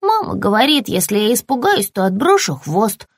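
A woman voicing a small, anxious young female lizard in a storybook, with high, pleading, childish squeaks. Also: big pitch swings, normal speed, no echo, clean studio sound.

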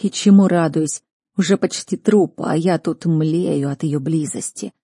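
Lady doing a wounded young guy, hoarse and stubborn, slow strained words, dark low voice. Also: no room sound, studio quality, exaggerated voice. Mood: self-mocking.

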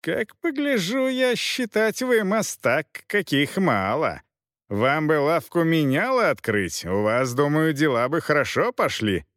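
Male narrator voicing a hot-headed mercenary captain, yelling, lively pitch swings, dry sound. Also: measured pace, no room sound. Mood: scornful. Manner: shouting, taunting, indignant.

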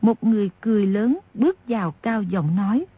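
A woman narrating a novel aloud in steady, expressive storytelling. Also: medium pitch, a little fast, breathy edge, no echo. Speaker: audiobook narrator. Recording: dull lo-fi audio.

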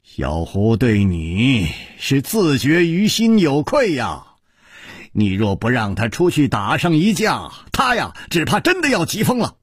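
A male storyteller voicing a suave, calm male hero swordsman who speaks with easy, smiling confidence in a radio story. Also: medium pitch, a little slow, husky, no room sound, clean studio sound, voice pushed up, full character voice. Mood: easygoing. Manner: smiling, easygoing.

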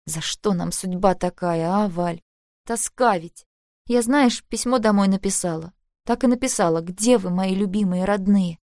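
A woman's voice: medium pitch, moderate pace, darkish tone, no echo, clean studio sound, close to an everyday voice. A woman voicing an older teenage girl from a labor camp, bitter and snapping, in an audiobook. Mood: mournful.

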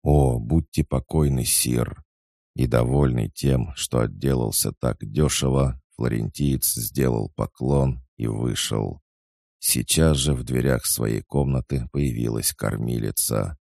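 Male audiobook narrator; deep, gravelly, mellow tone, with a dry, close sound. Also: fairly even intonation, a little slow, no echo.

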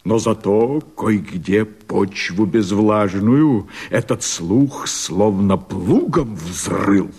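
Husky, impassioned rebel leader Pugachev. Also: male voice, fairly low pitch, very slow, hardly any pauses, a little mellow, full character voice. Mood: insistent. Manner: impassioned, theatrical oratory. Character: fiery rebel leader proclaiming himself emperor. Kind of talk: declaimed verse in a radio play.

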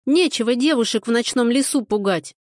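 Женщина-чтец озвучивает упрямую девушку, которая огрызается и возмущается. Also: female voice, on the high side, a little fast, dry recording, studio quality, close to an everyday voice. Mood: defiant. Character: stubborn young woman, defiant and snappy.

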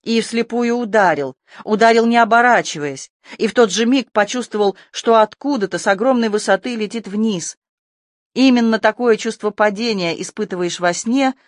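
An audiobook narrator reading a tense adventure story with steady, scripted delivery. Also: mid-range voice, moderate pace, dry recording, clean studio sound.

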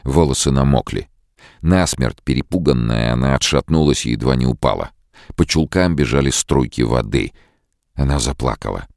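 A man reads an audiobook aloud in a measured, steady way. His voice is extremely deep with a gravelly fry, and the recording is dry and close. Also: no echo. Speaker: audiobook narrator. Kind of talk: scripted narration.

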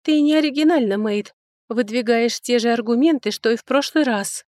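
A sharp-tongued young noblewoman, put on by a female audiobook reader, her voice lifted noticeably higher than the narration and edged with mockery. Dry, close recording with no room sound. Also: no room sound, close to an everyday voice. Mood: sarcastic. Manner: mocking, biting, quick to snipe. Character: sarcastic, touchy young noblewoman, younger sister. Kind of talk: audiobook character voicing.

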